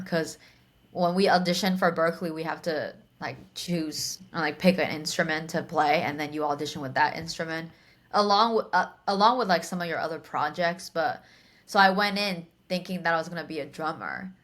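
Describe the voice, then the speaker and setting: Her voice fairly low and a bit bright, a DJ and producer from Taiwan in her twenties chats casually as an interview guest. She uses lots of filler words while answering the questions.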